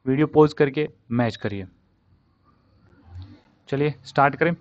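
A man's voice: medium pitch, a little slow, darkish tone, no room sound. A male teacher giving a casual spoken vocabulary lesson, mixing Hindi with English and repeating each word over and over to drill its pronunciation. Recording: dull, dry, lo-fi sound.

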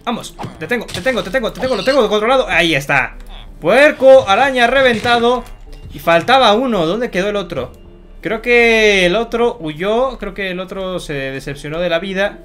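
Excitable high-voiced gamer. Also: male voice, brisk, faint music behind. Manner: excitable, shouts and pleads at the game, talks to viewers. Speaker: gaming youtuber. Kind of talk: excited Minecraft gameplay commentary.

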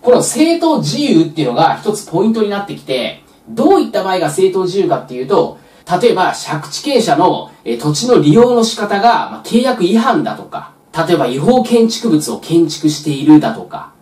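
Lively-voiced woman tutor, distant roomy mic. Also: lowish voice, a little fast, hardly any pauses. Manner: patient, step-by-step, frequent filler "まあ". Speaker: real estate exam tutor. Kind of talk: explanatory lecture.

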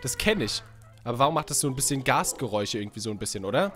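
A man hosting a casual Minecraft let's play, joking loudly, with sudden outbursts and silly voices. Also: mid-range voice, big pitch swings, very fast. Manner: goofy, loud, jokey outbursts and silly voices. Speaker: gaming YouTuber host. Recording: game music behind the voice.

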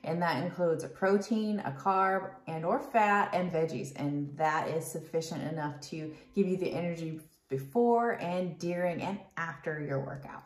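Low-voiced woman coach, echoey room. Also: moderate pace, few pauses. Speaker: fitness and nutrition coach co-host. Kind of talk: casual Q&A chat. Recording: roomy echo.

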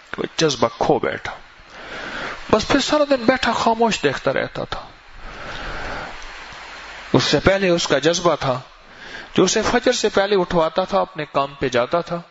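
A man delivering a sermon as a preacher, telling stories with sweeping rises and falls in his voice. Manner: storytelling with lively swings in pitch. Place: mosque gathering. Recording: dull lo-fi recording with faint noise.

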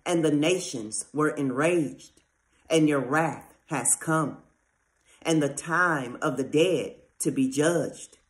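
A scripture reader in a measured, solemn style. The delivery is very slow and deliberate, with each phrase set apart. The pitch sits in an ordinary middle range.

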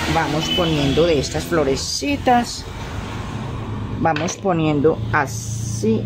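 Over some background noise, a middle-aged Colombian craft tutorial host talks casually through a demonstration in a medium-pitched voice. Her chatter is warm and repetitive, sprinkled with endearments and diminutives.

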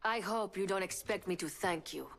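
A woman's voice: medium pitch, moderate pace, slight background noise, lightly acted. Haughty, defiant woman played by an actress. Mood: scornful. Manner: cutting, disdainful. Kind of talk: video game character acting. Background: music.

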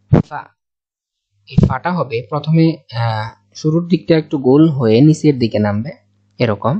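A man with a Bangladeshi Bengali accent takes learners through the Arabic letters one at a time, with a steady, middle-pitched voice. He says each sound again and again with patient care. The recording is dry and a little dull. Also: slightly rough, no room sound. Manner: patient, repeats each sound several times. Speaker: Quran teacher. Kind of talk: slow step-by-step letter lesson.

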